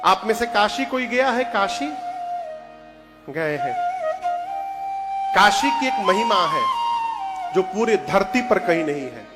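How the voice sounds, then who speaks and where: A man's voice: high-pitched, huge pitch swings, slow, long pauses. A man gives a devotional discourse at a live temple gathering, questioning his listeners and having them answer back. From Purvanchal, eastern Uttar Pradesh. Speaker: religious storyteller. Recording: loud flute music behind the speech.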